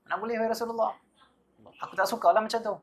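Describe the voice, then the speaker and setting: A man's voice: high voice, fairly even intonation, rapid-fire, pitched above the performer's own voice. Guy doing a young fella protesting, voice jumps way up, pleading. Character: young man protesting eagerly.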